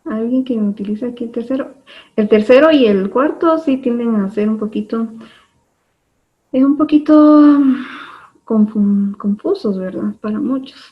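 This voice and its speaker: Female teacher, patient and methodical, filler-heavy, slightly high voice, muffled video-call sound. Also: normal speed. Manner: patient, explains step by step with many fillers. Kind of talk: online class lesson. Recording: dull lo-fi online class audio.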